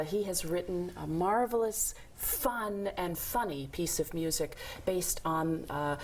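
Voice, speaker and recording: Woman conductor, low voice, keen and chatty with lots of uhs. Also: slight background noise. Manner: enthusiastic, with many uh fillers. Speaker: orchestra conductor. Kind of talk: interview guest. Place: TV studio.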